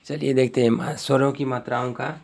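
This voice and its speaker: A man's voice: medium pitch, fairly even intonation, a little fast, gravelly. A male teacher giving an exam-prep grammar lesson, explaining step by step and often repeating himself with fillers.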